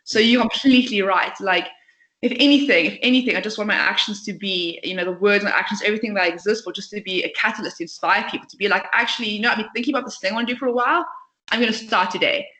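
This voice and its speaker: A young woman who founded a company speaks passionately and at length as a podcast guest, chatty and outspoken. Her mid-range voice races along with a sharp tone, recorded in an echoey room.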